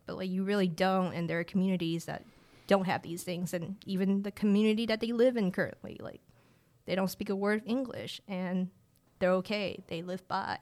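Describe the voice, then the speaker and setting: As an interview guest, a director of family empowerment in her late twenties chats in a relaxed way, peppering her speech with "like." She was raised in rural China with a Chinese village language as her first language, and her mid-range voice keeps a normal speed.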